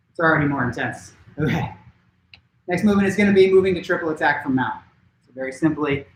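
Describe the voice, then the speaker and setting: A man teaching a martial arts class at home, giving brisk step-by-step coaching cues to follow along. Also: a little high, echoey room, a little hiss or hum, rough recording. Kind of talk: live-streamed class instruction. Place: home training room.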